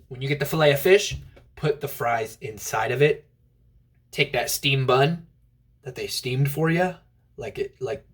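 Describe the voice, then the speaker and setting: Young guy with a husky voice, rambling deadpan stand-up, weird little stories. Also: mid-range voice. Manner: offbeat, deadpan absurd storytelling. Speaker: comedian.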